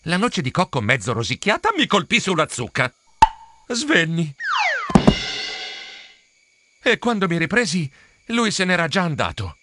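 A man narrating a children's storybook in a theatrical way, with sound effects and drawn-out words. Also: a little high, very animated, pushed and bright, soft background music. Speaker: storybook reader.

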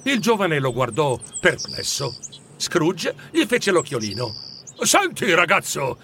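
A man narrating a children's storybook in an expressive, animated way. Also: fairly high pitch, measured pace, vocal fry, a little hiss or hum. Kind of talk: storybook reading.

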